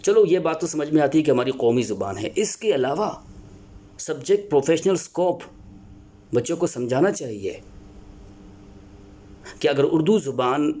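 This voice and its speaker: A man lecturing as a teacher, earnest and explanatory, pausing often to find his words. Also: a little high, expressive, warm tone. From Pakistan. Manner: earnest, explanatory, with many filler pauses and restarts. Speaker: Urdu teacher. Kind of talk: spoken lecture on teaching Urdu.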